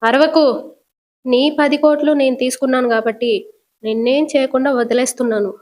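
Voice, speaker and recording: Mocking male crook betraying his partner, read by a woman narrator, higher voice than you'd expect. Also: steady tone, fairly quick, a little mellow, lightly acted. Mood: gloating. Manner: mocking, taunting. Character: scheming male kidnapper villain, gloating.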